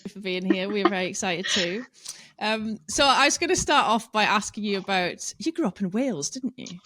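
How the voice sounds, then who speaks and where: A woman's voice: medium pitch, lively intonation, normal speed, fairly bright tone, no echo. A woman from Shetland with a Shetland Scottish accent, hosting a podcast with introductions and interview questions. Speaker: podcast host.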